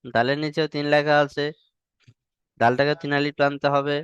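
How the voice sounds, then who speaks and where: A man's voice: fairly high pitch, flat delivery, moderate pace, a bit bright, smooth, no echo, highs cut off. A male teacher, patiently drilling Arabic letters in an online class and stretching the sounds long. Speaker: Quran reading teacher.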